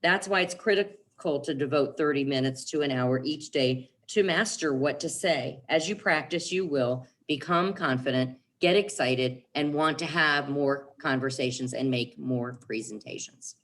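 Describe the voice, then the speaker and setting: Middle-aged female sales trainer, low register, punchy and upbeat, drills slogans to her team. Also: moderate pace, few pauses. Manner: emphatic, upbeat coaching with repeated catchphrases. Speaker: real estate team leader and trainer.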